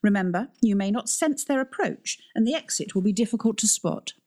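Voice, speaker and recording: A woman's voice: mid-range voice, animated, a little mellow, pitched above the performer's own voice, lightly acted. A woman voicing Vesta, a stern head teacher. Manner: brisk, instructive.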